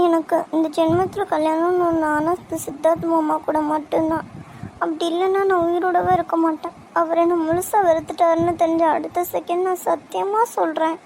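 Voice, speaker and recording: A woman's voice: very high voice, gravelly, darkish tone, slight background noise. A woman voicing a tearful young woman. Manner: pleading, emotional. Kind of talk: cartoon drama voice acting.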